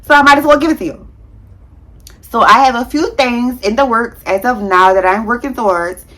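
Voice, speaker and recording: A woman in her thirties, a nurse, chatting casually to her viewers in a vlog, talking fast with a heavy tongue and sometimes tripping over words. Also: on the high side, a bit bright. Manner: frank, slangy, addresses viewers as y'all. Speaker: nurse and content creator.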